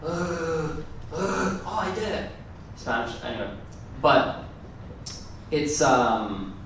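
In a mid-range voice against background noise, a man whose first language is Gujarati rambles casually through a conference talk, often self-correcting partway through sentences. The large conference room echoes, and the microphone is placed far away.

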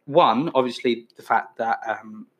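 A man's voice: medium pitch, a little slow, noisy background. A man in his twenties asking questions in a friendly, casual podcast chat. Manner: friendly, interviewing, many fillers. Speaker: podcast host.

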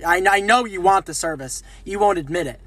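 A man's voice: sits high, a little fast, fairly bright tone, slightly rough, dry recording. A young man co-hosting a podcast, joking around and laughing through crude banter. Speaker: podcast co-host. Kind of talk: casual chat.

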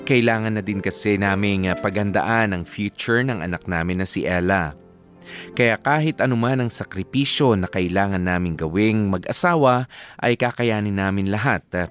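A male actor voices a devoted husband and father telling his story as a letter in a radio drama. His lowish voice is measured, sincere and resigned. Faint music runs underneath. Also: natural voice. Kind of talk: scripted first-person letter narration in radio drama.

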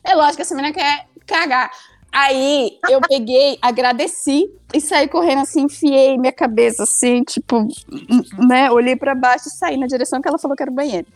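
Animated young woman telling a story. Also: high-pitched, a little fast, no room sound. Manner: animated, acts out her own past lines. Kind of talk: casual comic storytelling.

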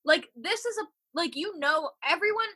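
A woman's voice: extremely high pitch, lively intonation, moderate pace, pushed and bright. A young woman co-hosting a podcast, ranting in casual, profane chat. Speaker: podcast co-host.

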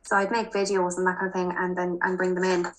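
A woman's voice: fairly low pitch, completely flat delivery, quick pace, a crowd in the background, low-quality recording. A woman from Mayo with a west of Ireland accent, chatting and telling anecdotes as an interview guest, emphatic and prone to repeating phrases. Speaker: podcast guest, primary school teacher.

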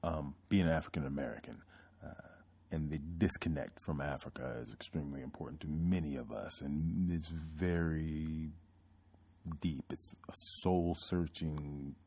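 A man hosting his podcast in a casual, reflective monologue, pausing often with ums and restarting sentences. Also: extremely low pitch, mellow, slightly rough. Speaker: podcast host.

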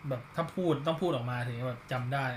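Male guest, fast and halting, roomy echo, faint background hum. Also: medium pitch. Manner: hesitant, repeats words before a point. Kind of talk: casual podcast chat.

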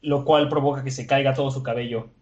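A man casually recapping an episode, animated and chatty with many fillers. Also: medium pitch, fast, muffled recording.

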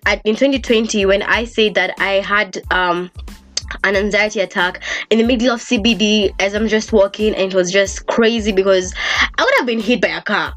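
A young woman hosting a casual solo podcast, talking in a chatty, animated way and swearing freely. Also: medium pitch. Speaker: podcast host.

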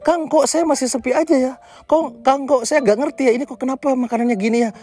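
A man's voice: very high voice, fairly even intonation, quick pace, dark tone, pitched above the performer's own voice. A man voicing an anxious male restaurant owner who pleads with whiny questions.

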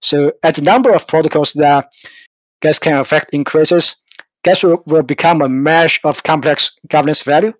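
Man, fairly high voice, halting explanation, dry close audio. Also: no room sound, low-quality recording. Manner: hesitant, many fillers and restarts. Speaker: project team member explaining tokenomics. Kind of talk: casual AMA explanation.

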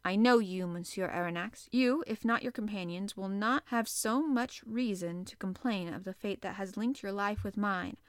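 A woman reading aloud, voicing a stern, proud male sea captain who speaks coldly and forcefully. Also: mid-range voice, no room sound, clean studio sound, close to an everyday voice. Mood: grand. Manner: cold, measured, forceful.

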